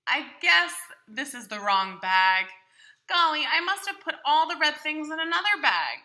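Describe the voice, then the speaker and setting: Woman voicing Big Bird, bright, eager, muddled. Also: high voice, sing-song, normal speed, pitched above the performer's own voice, heavily acted. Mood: flustered, puzzled. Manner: hesitant, earnest, folksy exclamations. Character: big friendly childlike bird, earnest, muddled, eager show-and-tell host.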